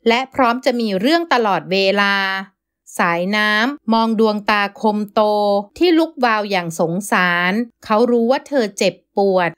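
Female narrator, audiobook reading, fairly high voice, even descriptive delivery. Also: a little slow, clean tone. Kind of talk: scripted novel narration.

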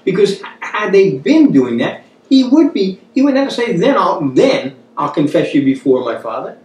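Seated at a wooden table in a small room indoors, a man in his fifties leads a sermon-like Bible study, exhorting earnestly and repeating phrases for emphasis. His high-sitting, darkish voice is very animated at a normal speed, recorded from a distant mic with room echo.

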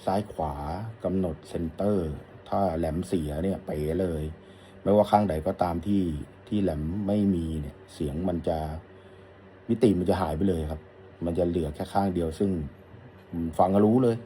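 A middle-aged man with a deep, very dark and mellow voice talks casually as an audio shop owner. He rambles in a friendly, polite way while answering a customer's question, with a faint noise under the recording. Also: normal speed. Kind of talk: casual talk to camera.

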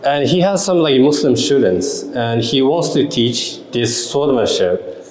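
A man's voice: medium pitch, animated, a little mellow. Chatty Japanese-accented man in an echoey hall. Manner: chatty, halting, many fillers and audience questions. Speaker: lecturer and festival speaker. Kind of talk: casual talk to a young audience. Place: large hall, indoors. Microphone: stand microphone. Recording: roomy hall echo.

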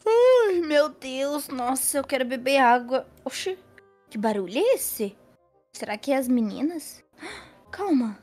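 A woman playing a stern but soft-hearted mother in a Roblox role-play story, scolding quickly and exclaiming. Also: sits high, sing-song, faint music behind, full character voice. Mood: alarmed.

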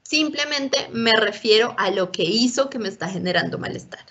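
A woman's voice: on the high side, lively intonation, normal speed, a bit bright, dull audio. A woman gives an instructive talk at a parenting workshop, often checking in with her listeners. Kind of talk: lecture to parents.

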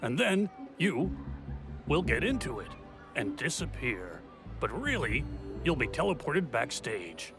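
A man's voice: mid-range voice, very animated, measured pace, pauses often, over music. An actor playing a magician's eager, flustered male assistant in a cartoon, fretful and placating. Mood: reassuring. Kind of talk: cartoon voice acting.

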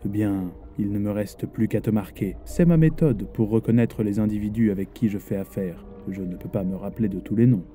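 Man voicing a sly, sinister supernatural gentleman. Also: fairly low pitch, a little fast, hardly any pauses, soft background music, lightly acted. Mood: menacing.

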